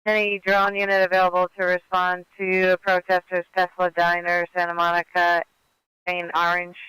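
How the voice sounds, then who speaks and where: A man's voice: sits high, monotone, normal speed, sharp tone, clear, resonant tone, low-quality recording. A man working as a police radio dispatcher, giving clipped procedural call-outs over the radio. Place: police scanner radio feed.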